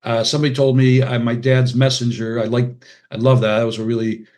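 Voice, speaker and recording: A retired radiologist and author, this older American man speaks fairly quickly in a level, slightly mellow medium-pitched voice. As a podcast guest he reminisces informally, often quoting people within short anecdotes.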